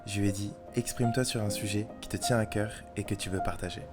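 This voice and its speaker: A man narrating a scripted introduction as the channel's creator, brisk and earnest. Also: fairly low pitch, steady tone. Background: loud background music.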